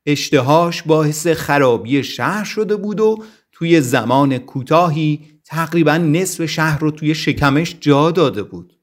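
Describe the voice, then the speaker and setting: A man's voice: a little high, expressive. A man narrating a children's storybook expressively, adding playful sound effects.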